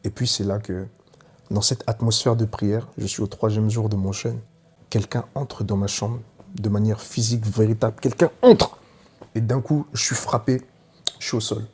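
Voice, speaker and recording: Mellow-voiced man preaching a dramatic testimony. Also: lowish voice, fairly even intonation, moderate pace, breathy edge. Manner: dramatic storytelling, swings from hushed to loud cries. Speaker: preacher giving his testimony. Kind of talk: conversion testimony to a congregation.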